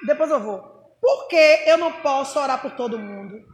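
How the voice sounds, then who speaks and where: A high-voiced woman with a Brazilian Portuguese accent preaches in a room that rings with echo. She is animated and keeps turning to her listeners with direct questions. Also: moderate pace, slight background noise. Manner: animated, talks straight to the congregation with rhetorical questions. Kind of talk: sermon.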